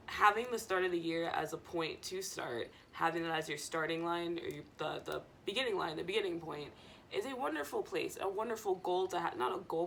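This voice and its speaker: Casual female vlogger, low-pitched, loose rambling stoner delivery, noisy recording. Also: creaky, fairly bright tone. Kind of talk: casual chat to viewers.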